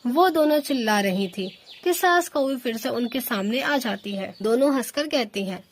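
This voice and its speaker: A woman's voice: a little high, animated, moderate pace, a little hiss or hum. A woman narrating a cartoon story.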